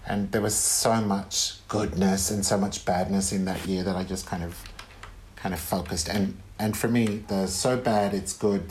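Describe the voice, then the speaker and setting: A man who is a guest author on a casual podcast interview, rambling with halting restarts and frequent ums. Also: sits low, a little hiss or hum.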